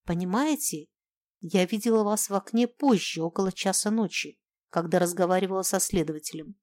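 A woman's voice: medium pitch, fairly quick, darkish tone, lightly acted. A woman voicing a bold young woman who presses with earnest questions.

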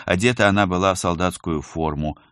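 A man narrating an audiobook in an expressive storytelling manner. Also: deep voice, fairly quick, clean tone, no room sound, studio quality. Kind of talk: scripted narration.

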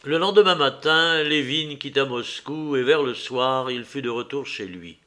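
A man narrating a classic novel as an audiobook reader, in a measured, even reading. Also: medium pitch.

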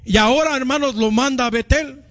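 High-voiced impassioned male preacher. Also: brisk, a bit bright. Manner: impassioned, repeats "hermanos". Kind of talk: sermon. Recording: muffled lo-fi recording.

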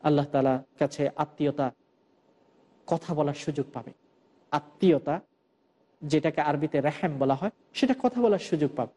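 Male preacher, middle-aged, high pitch and mellow tone, earnest sermon delivery. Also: normal speed, pauses often. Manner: earnest, preaching with rising emphasis on key points. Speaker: Islamic preacher.

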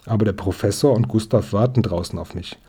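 A man's voice: lowish voice, fairly quick, warm tone, husky. A man voicing an eager, polite young schoolboy. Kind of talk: audiobook character voice.

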